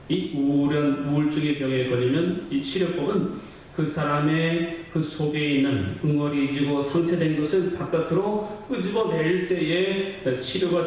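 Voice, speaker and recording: Fervent male preacher, fairly high voice, rises into near-chanted shouts, church hall with heavy echo, picked up from a distance. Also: a little hiss or hum. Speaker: pastor. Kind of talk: sermon. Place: church sanctuary. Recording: very echoey church hall, mic far off.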